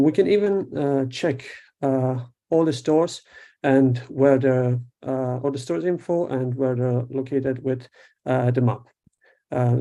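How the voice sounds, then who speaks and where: A man's voice: mid-range voice, mellow. A man from Italy, presenting his student web project in a live online demo and explaining it step by step with frequent hesitations.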